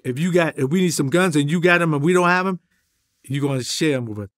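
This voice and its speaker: Talking fast at a fairly high pitch, a middle-aged man with a New York accent tells animated street stories as an interview guest, emphatic and streetwise with heavy slang and gestures. He's in an indoor studio with a drum kit.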